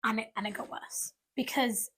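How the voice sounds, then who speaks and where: High-pitched young woman telling a story. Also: moderate pace, breathy edge. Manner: animated storytelling with acted-out quotes. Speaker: podcast co-host. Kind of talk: casual chat.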